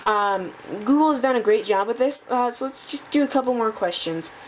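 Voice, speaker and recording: A woman presenting a casual tech demo off the cuff, halting and thinking aloud as she goes. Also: on the high side, low-quality recording. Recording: noticeable background noise.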